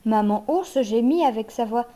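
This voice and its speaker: A woman reading a children's fairy tale aloud in a gentle, measured way. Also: on the high side, animated. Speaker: narrator.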